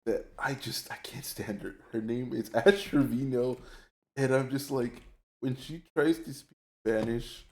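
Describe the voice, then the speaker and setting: A man's voice: mid-range voice, measured pace, a little mellow. A man chatting casually, rambling and hesitant, with many fillers. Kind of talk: casual chat.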